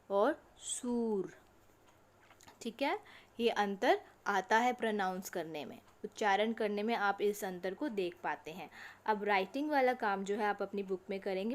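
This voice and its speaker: A woman teacher giving an online lesson to young children. She reads words slowly, one at a time, and asks questions that she answers herself. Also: mid-range voice. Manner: slow, drawn-out word-by-word reading for children. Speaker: school teacher.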